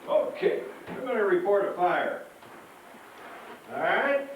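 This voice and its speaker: Taking his time, a high-voiced, animated firefighter gives schoolchildren an informal, instructive fire-safety show, repeatedly asking questions to confirm they understand. The live event takes place in an echoing indoor hall, recorded from a distance with faint noise.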